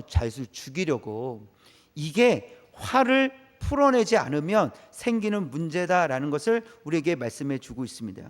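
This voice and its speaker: A man preaching a Wednesday evening sermon as pastor, reading scripture aloud and acting out the voices he quotes. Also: high-pitched. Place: church sanctuary. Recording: reverberant church hall.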